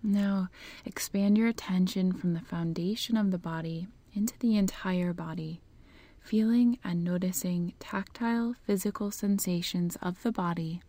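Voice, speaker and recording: Soft-spoken woman guiding a meditation. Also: on the low side, no echo. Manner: slow, soft, partly whispered delivery. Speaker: meditation guide. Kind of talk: guided meditation.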